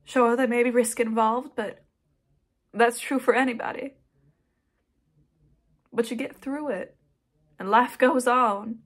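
A young woman acts out a headstrong young daughter in a stage drama monologue. Her voice sits fairly high. She is emotional and insistent as she makes her case to her mother. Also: fairly even intonation, slow pace, long pauses. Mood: earnest. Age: young adult. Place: small indoor room, plain wall.

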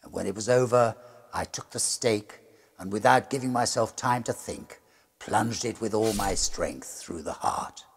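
Deep gravelly man reading a ghost story. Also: expressive, unhurried, a little hiss or hum. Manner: solemn, hushed, drops to a whisper for dread.

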